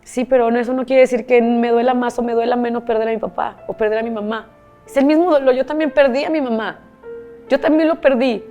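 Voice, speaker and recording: A woman's voice: fairly high pitch, fairly even intonation, quick pace, dark tone, highs cut off, soft background music. A woman from Monterrey with a Mexican accent, a guest telling her life story candidly, repeating herself and swearing casually. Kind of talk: emotional personal storytelling.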